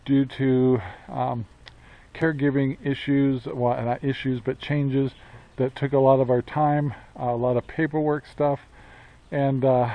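An older man in his sixties talks casually into a camera held at arm's length outdoors, wandering from thought to thought with plenty of "uh"s and restarts. His voice sits at an ordinary middle pitch. The audio is a bit dull and lo-fi. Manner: rambling, many fillers and restarts. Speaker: homestead vlogger. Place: outdoors by a metal barn. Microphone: action camera at arm's length.

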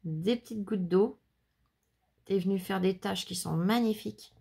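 A woman's voice: medium pitch, measured pace, vocal fry, warm tone, slightly rough. A woman showing off handmade bookmarks in a casual vlog, admiring each one in detail. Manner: gushing, admiring, describes crafts in detail. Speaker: scrapbooking vlogger. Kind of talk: casual unboxing chat.

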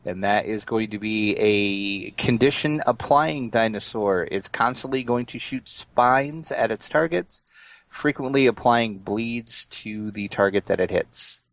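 A man co-hosting a casual gaming podcast, calmly explaining new features step by step. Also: on the low side, a little slow, gravelly, dry recording, poor audio. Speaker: podcast co-host.

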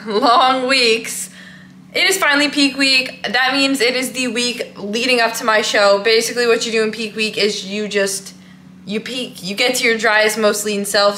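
A young fitness vlogger chats casually to a handheld camera on a stick, bubbly and talkative, saying "super" and "literally" a lot. Her fairly high voice sounds pushed and bright, with a little hiss or hum in the audio.

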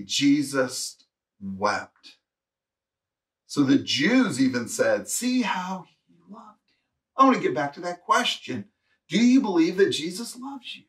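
Pastor, male, mid-pitched, earnest preacher, somewhat distant from the mic. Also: a bit bright. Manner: earnest preaching, reads scripture aloud, rises to emphatic peaks. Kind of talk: sermon.

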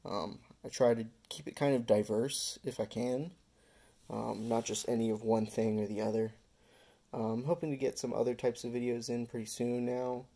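A man with a gravelly, mellow voice hosts a casual pet care vlog. He rambles in a relaxed way, with lots of "um"s and "uh"s between thoughts. His pitch sits in an ordinary middle range. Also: moderate pace. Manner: relaxed, rambling with many fillers. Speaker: pet-keeping channel host.

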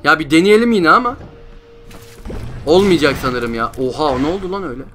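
High, bright-voiced gamer man. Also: animated, a little fast, faint music behind. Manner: frustrated, groaning, repeats himself. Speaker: gameplay streamer. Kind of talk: gameplay commentary.

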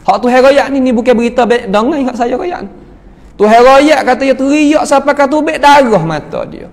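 High-voiced Malay preacher in echoing mosque. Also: male voice, animated, normal speed. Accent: Kelantan/Patani Malay. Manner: storytelling, quotes Arabic verses then explains them. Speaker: religious teacher. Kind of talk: Quran commentary lesson.

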